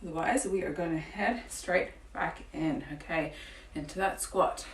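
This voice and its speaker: A woman fitness coach leading a home workout, encouraging and cueing breaths, with a morning croaky voice. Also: lowish voice, unhurried, a little hiss or hum. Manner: encouraging, counting through exercises. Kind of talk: guided home workout instruction. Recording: roomy, from a distance with faint ambience.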